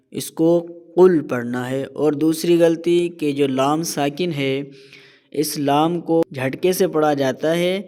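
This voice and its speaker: A man teaching correct Quran recitation, explaining each common mistake and then slowly demonstrating the right sound. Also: a little high, mellow, clear, resonant tone. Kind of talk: explaining recitation rules step by step.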